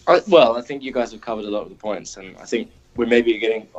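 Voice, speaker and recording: A man's voice: medium pitch, fast, dull audio. A male podcast co-host speaking bluntly and casually, with the occasional swear word.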